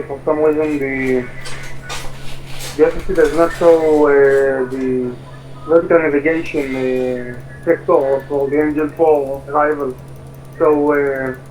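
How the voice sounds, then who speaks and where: A man on a pilot's cockpit headset radio, making halting calls to air traffic control with many pauses. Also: a little high, a little mellow, rough recording. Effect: pilot's cockpit headset radio transmission.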